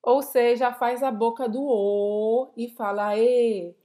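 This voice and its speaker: Woman, fairly high voice, chatty co-host, podcast lesson. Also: steady tone, takes it slowly, dark tone. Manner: chatty, asks follow-ups and explains in Portuguese.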